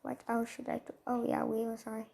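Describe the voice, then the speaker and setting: A woman's voice: fairly high pitch, monotone, brisk, gravelly, warm tone, slightly rough. A tired woman improvising a fan story, rambling with many restarts and asides.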